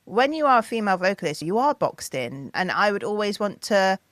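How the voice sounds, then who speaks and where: Speaking a little fast at a medium pitch, a thirtysomething woman who sings and produces tells animated stories during a podcast interview. She voices other people's quotes in a raised tone, and the recording has no room sound.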